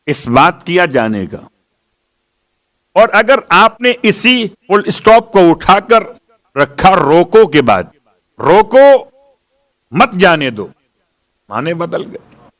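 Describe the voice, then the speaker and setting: A man delivers a sermon in a fairly high voice. He sets out rhetorical questions and answers them, and he recites scripture with swelling emphasis. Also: fairly bright tone. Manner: recites Arabic verses with rising emphasis. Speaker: Shia preacher. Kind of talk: religious sermon.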